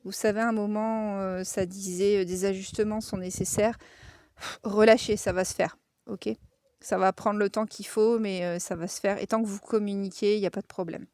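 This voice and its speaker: A woman's voice: medium pitch, steady tone, moderate pace, a little mellow, no room sound, studio quality. A woman with a Lorraine French accent giving a casual oracle card reading, chatty and frank, with frequent fillers.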